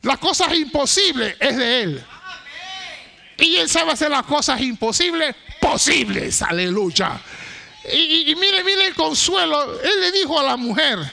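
A man delivers a sermon in a very high, piercingly bright voice with a gravelly edge. He stresses his points emphatically, rising to loud declarations and then dropping to hushed, low phrases, and he often repeats words and restarts his sentences. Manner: repetitive, stammering restarts. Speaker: preacher.

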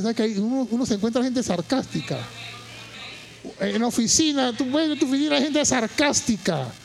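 A man preaching a sermon, moving from quiet storytelling to shouted, impassioned high points and repeating phrases for emphasis. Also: vocal fry. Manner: repeats words and phrases while telling a story.

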